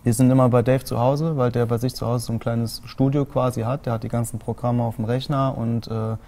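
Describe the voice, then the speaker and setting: A man's voice: medium pitch, flat delivery, fairly quick, creaky, warm tone. A man in his twenties from Saarland, a band member explaining at length in a TV studio interview, with many fillers. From Saarland, Germany. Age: 20s. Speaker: band guitarist. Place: small TV studio with colored lights.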